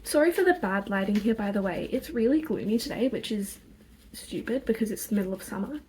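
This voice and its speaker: A young woman vlogger chatting casually and quietly, as if not to wake anyone, in a rambling, self-deprecating way. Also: mid-range voice, expressive, fairly quick, a little hiss or hum, rough recording. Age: young adult. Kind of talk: casual chat while doing makeup. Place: indoors in own room. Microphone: phone propped on a music stand.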